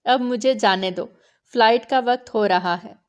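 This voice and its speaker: A woman narrator voicing a protective elder brother who speaks softly but firmly to his sister. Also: on the high side, clear, resonant tone, highs cut off, lightly acted. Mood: reassuring.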